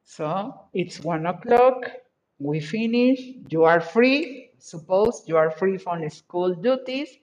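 Slow, encouraging woman teacher. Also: on the low side, animated, a little mellow, muffled recording. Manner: encouraging, repeats students' sentences slowly. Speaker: English teacher. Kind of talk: online class teaching, bilingual. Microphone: video call.

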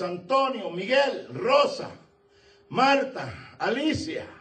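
A man preaching a fervent sermon, often shouting and breaking in with short cries of praise. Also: extremely high pitch, distant mic. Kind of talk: impassioned sermon.

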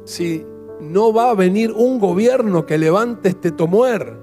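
A male Argentine pastor delivers an impassioned sermon in a high voice. He moves between pressing rhetorical questions and soft, hushed repetitions. Gentle instrumental music plays quietly behind him. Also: lively intonation, slow.

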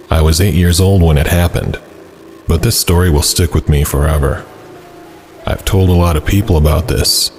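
A man's voice: rumbling low, darkish tone, slight background noise. A man narrating a scripted first-person story as a storyteller.

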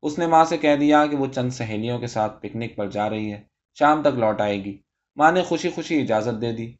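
A man reading a story aloud as narrator in a steady, even manner. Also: mid-range voice, dull audio.

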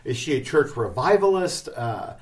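A man's voice: medium pitch, sing-song, moderate pace. A man co-hosting a casual podcast chat, sounding slightly distant from a small shared microphone. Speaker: podcast co-host. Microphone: small microphone shared by two people, slightly distant.

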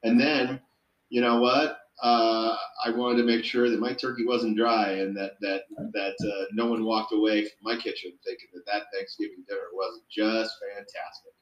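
A man's voice: fairly low pitch, little pitch movement, normal speed, muffled recording. A man who works in restaurants, talking plainly and steadily as a podcast guest. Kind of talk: casual chat. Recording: roomy echo.

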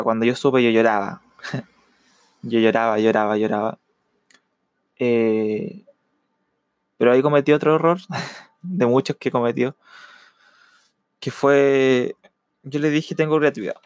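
A young man with a Chilean accent, a student telling his own story in a reflective, halting way with many fillers. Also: medium pitch, darkish tone, no echo, studio quality. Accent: Chilean Spanish. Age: young adult. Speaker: university student. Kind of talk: personal testimony.

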